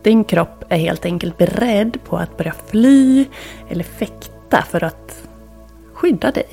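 A woman hosting a wellness podcast, talking in a calm, reflective, instructive way that sometimes drops to near-whispers. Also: mid-range voice, creaky, soft background music. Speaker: podcast host and wellness coach.

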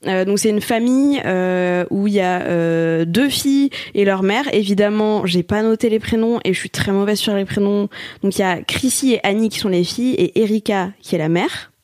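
A woman's voice: mid-range voice, moderate pace, a little mellow, no echo, clean studio sound. A woman co-hosting a casual podcast, chatty and self-deprecating with frequent fillers. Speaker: podcast co-host. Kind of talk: casual chat.

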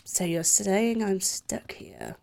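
A woman's voice: medium pitch, wildly swooping pitch, takes it slowly, creaky, mellow. A woman playing her character in a tabletop game, rambling and hesitant as she talks in character. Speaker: player.

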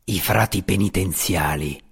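A man reading an audiobook, voicing a brutal male bounty hunter who growls his lines slowly and menacingly. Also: fairly low pitch, gravelly, slightly rough, full character voice. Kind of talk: audiobook character voice.

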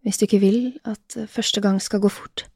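A woman voicing a confident, teasing adult male lover in an audio story, speaking in a low, soft murmur. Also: flat delivery, no echo, clean studio sound, close to an everyday voice.

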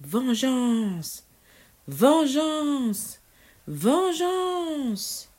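Vain shrieking storybook witch, high-pitched, menacing. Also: measured pace, warm tone. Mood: furious. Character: vain, furious old female witch.

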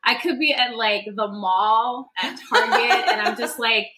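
A woman's voice: a little high, unhurried, music in the background. A woman host and coach with Caribbean roots, chatting in a friendly interview style with many backchannels. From Dominican Republic family, Caribbean. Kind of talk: casual interview.

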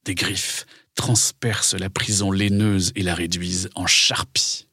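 A man's voice: low voice, level tone, measured pace, creaky, sharp tone, slightly rough, no echo, studio quality. A man narrating a scripted dramatic story for children.

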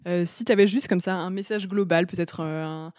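Woman podcast host, relaxed interviewer, lowish mellow voice. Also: moderate pace, dry recording, studio quality. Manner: relaxed, hesitant with fillers when asking. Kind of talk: casual interview.

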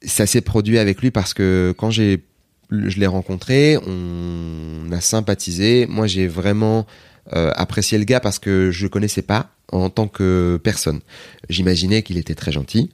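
A man's voice: deep voice, a little slow, no echo, studio quality. A man guest, a comedian, telling a long story in a chatty, digressive way in a casual interview, quoting other people as he goes. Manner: chatty, digressive, animated retelling with quoted voices.

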